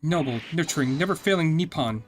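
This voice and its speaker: A man's voice: on the high side, expressive, fairly quick, lightly acted. A man doing a flamboyant jittery poet prisoner. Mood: florid. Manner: florid, alliterative, dramatic declaiming. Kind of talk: reading game dialogue aloud. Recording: game music playing behind.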